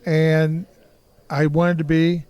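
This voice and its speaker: Blunt older man, slightly high voice. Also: little pitch movement, slow pace, a little mellow, clear, resonant tone. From Kansas City, Kansas. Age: 60s. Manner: blunt, rambling, frequent restarts. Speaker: interview guest, martial artist. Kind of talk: casual storytelling interview.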